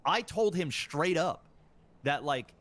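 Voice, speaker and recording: Playing a gang member in a roleplay game, a man tells a long, rambling story full of ums and uhs, acting out what other people said. His voice is fairly high and a bit bright, expressive, and he takes it slowly.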